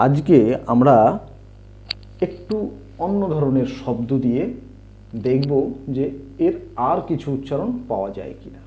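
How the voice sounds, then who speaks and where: A man teaching English letter sounds, spelling words out and repeating the sounds slowly. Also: medium pitch, animated, mellow, slight background noise. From India. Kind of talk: slow explanatory lesson. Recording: dull lo-fi home recording.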